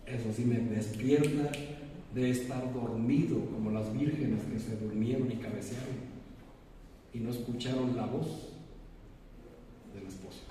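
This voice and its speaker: Preaching in a church sanctuary, a male pastor with a dark, medium-pitched voice speaks unhurriedly and pauses often, posing rhetorical questions to the congregation. The recording picks him up from a distance in an echoey hall, with a little hiss or hum.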